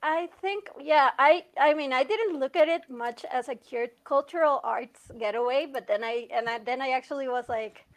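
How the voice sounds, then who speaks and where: A young woman in her late twenties with a high, light voice talks through her story in a relaxed podcast interview. She is chatty and giggles often. She circles back with little restarts and fillers. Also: normal speed, few pauses, low-quality recording. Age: 20s. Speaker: guest filmmaker.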